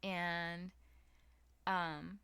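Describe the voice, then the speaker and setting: A woman streamer speaks directly and earnestly to her chat, using plenty of filler words. Her voice is fairly low and clean, with a flat, sharp-toned delivery and drawn-out words.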